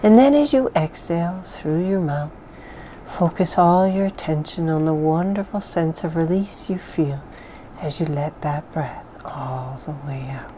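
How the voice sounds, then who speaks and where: A woman leading a guided meditation in a soft, calm, soothing voice, with phrases often trailing off into breathiness. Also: low voice, measured pace, slight background noise. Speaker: mindfulness exercise guide.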